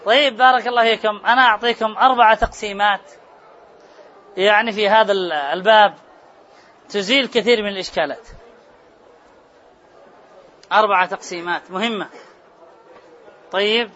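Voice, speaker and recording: A man's voice: sits high, steady tone, moderate pace, long pauses, pushed and bright. A man teaching a grammar class, repeating key terms and quizzing his students. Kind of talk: classroom lecture. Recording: muffled classroom recording with murmur.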